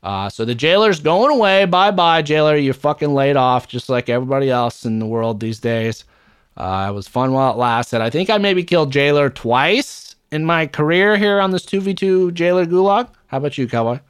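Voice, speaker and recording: A man co-hosting a casual gaming podcast, airing strong opinions in a blunt, profane way. His voice sits at an ordinary middle pitch. The sound is close and dry, with no room around it. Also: lively intonation, moderate pace, clean tone, dry recording. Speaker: podcast co-host.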